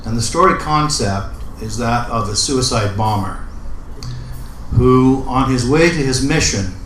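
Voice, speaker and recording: Male open mic poet, measured and unhurried, live roomy recording with slight noise. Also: mid-range voice, fairly bright tone. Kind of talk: spoken introduction and dramatic poetry recital. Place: indoor open mic event room.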